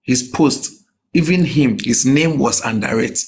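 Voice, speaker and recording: A man's voice: mid-range voice, a little slow. A man with a Ghanaian West African accent talking casually and emphatically as an interview guest. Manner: emphatic, often checks the listener understands; mixes English with a Ghanaian language. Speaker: comedian, podcast guest.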